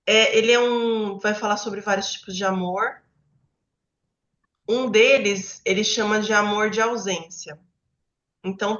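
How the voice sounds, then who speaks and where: A woman's voice: mid-range voice, fairly bright tone, echoey room, dull audio. A woman with a Brazilian Portuguese accent hosting a book club, explaining ideas in a conversational teaching style and often checking in with her listeners. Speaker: book club host and educator.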